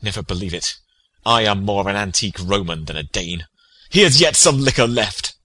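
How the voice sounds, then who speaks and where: An actor playing a loyal, grieving noble friend of a prince in Shakespearean tragedy, with solemn, measured declamation. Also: male voice, lowish voice, animated, pushed and bright, no echo. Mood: defiant. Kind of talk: Shakespearean tragedy audio acting.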